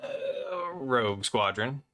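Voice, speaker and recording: A man's voice: mid-range voice, wildly swooping pitch, slow pace, bright, forceful tone, slight background noise. A man streaming a hands-on console mod at his workbench, chatting casually and rambling with lots of fillers while he gets over a slight cough from a cold. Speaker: electronics modder streaming a console mod install. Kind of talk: casual live-stream talk while working.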